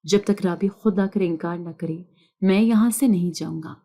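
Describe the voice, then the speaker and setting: Give me a persistent young man who pleads earnestly, read by a woman telling a story. His voice is dark and even. He presses his case again and again. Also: on the low side. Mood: insistent. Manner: earnest, insistent.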